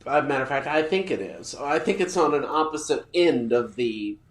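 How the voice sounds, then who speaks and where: With a very deep voice and a brisk delivery, this American podcast co-host in her thirties spins a self-deprecating tale, laughing frequently in an animated, casual chat. English is her first language, and the room sounds echoey.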